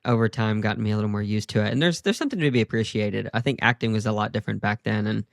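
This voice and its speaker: A man's voice: on the low side, very fast, creaky, no room sound, studio quality. A man hosting a podcast interview, chatting in a friendly, casual way with lots of fillers. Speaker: podcast host.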